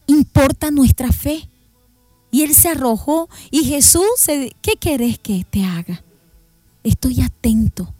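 Animated woman on faith radio. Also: high-pitched, no echo, clean studio sound. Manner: animated storyteller who acts out shouted quotes. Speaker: radio program presenter. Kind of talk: religious reflection on the Gospel. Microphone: studio microphone.

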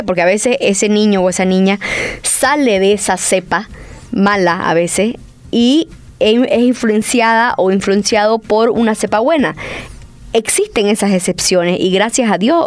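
A woman's voice: mid-range voice, dry recording. A woman co-hosting a radio talk program, speaking earnestly and explaining things at length, using the informal "vos" forms. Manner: earnest, explanatory, uses voseo.

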